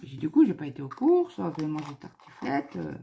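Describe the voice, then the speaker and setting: Gravelly low-voiced woman chatting. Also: huge pitch swings, a little fast, warm tone, slight background noise. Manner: chatty rambling storytelling. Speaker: craft vlogger. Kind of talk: casual chat while crafting.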